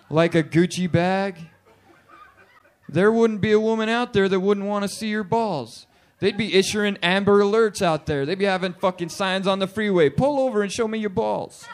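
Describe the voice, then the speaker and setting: A man doing a crude, animated stand-up routine in a bar and grill, acting out characters as he goes. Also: high voice. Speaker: stand-up comedian.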